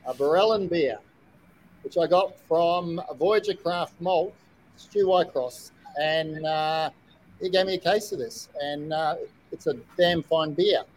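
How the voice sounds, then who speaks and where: High-voiced Australian man hosting from a shed. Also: slow, darkish tone, slight background noise, low-quality recording. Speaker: host of an online group chat show. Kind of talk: casual live chat.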